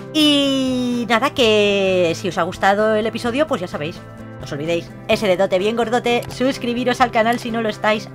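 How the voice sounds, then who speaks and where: A woman in her twenties with a Spain Spanish accent, chattily narrating a life-sim game and breaking into shrieks of shock. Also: mid-range voice. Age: 20s. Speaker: let's play gamer.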